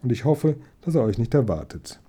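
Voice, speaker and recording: An old male wizard speaks in a storybook reading, stern and wise, warning in a slow, measured way. His voice is very dark and mellow, as a man reads him aloud. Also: mid-range voice, big pitch swings, slightly rough. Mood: counselling. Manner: measured, admonishing.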